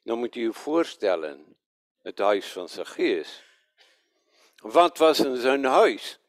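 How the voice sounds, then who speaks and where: A man's voice: medium pitch, slow pace, no echo. A man preaching a sermon, asking his listeners rhetorical questions and correcting himself as he goes. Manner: animated, rhetorical questions to the congregation; stumbles over names, self-corrects.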